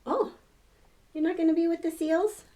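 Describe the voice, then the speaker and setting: A woman's voice: extremely high pitch, fairly even intonation, moderate pace, warm tone. An older woman with a grandmotherly manner reads a children's story aloud, coaxing and encouraging with playful asides.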